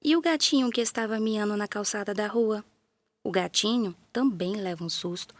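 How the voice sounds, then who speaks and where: A woman with a Brazilian Portuguese accent narrating a children's story in a gentle, playful way, with little sound effects. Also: medium pitch, normal speed, no room sound.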